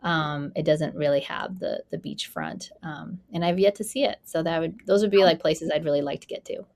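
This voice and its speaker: Woman, 40s, from Colombia, podcast guest, lowish voice, casual, reflective, lots of fillers. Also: moderate pace, darkish tone. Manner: conversational, many fillers, reflective. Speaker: podcast guest, real estate investor. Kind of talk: casual interview conversation.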